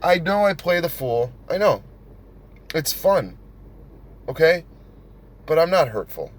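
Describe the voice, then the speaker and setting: A man's voice: fairly high pitch, big pitch swings, slow pace, rough recording. A man ranting in a confrontational, profane vlog, addressing someone directly. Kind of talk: angry rant vlog.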